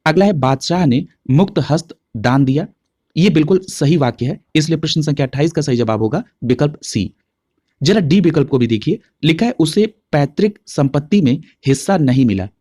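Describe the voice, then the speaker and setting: A man's voice: fairly high pitch, lively intonation, moderate pace, warm tone, dry recording, clean studio sound. A man teaching an exam-prep lesson, working through past paper questions step by step and checking in with listeners often. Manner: methodical, explains step by step with frequent check-ins.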